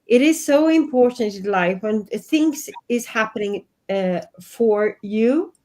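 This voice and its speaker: A Swedish woman in her fifties, speaking with a Swedish accent, gives earnest, reflective interview answers as a guest on a video call from her home office. Her voice is a little high with lively intonation, a slow pace and a darkish tone.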